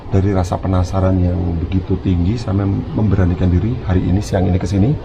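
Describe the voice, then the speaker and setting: Addressing his viewers in a casual spoken exploration vlog, a vlogger and channel host speaks in a low-pitched voice that comes through clearly despite the noisy outdoor sound. His delivery is hesitant and uneasy with a gravelly creak, and the audio is dull, a noisy handheld recording with ambient hum made around an overgrown empty house.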